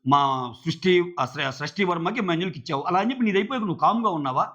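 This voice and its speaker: A man with a Telugu accent reviewing a reality show in casual commentary, animated and opinionated, retelling the housemates' quarrels in quick asides. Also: high voice, dull audio.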